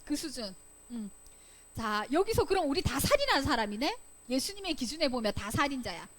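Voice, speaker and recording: A woman teaching children a Bible lesson in a church Sunday school room. She keeps quizzing the children and acts out her examples with sudden loud bursts. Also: high-pitched, very animated, fairly quick. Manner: playful, quizzing the children with questions.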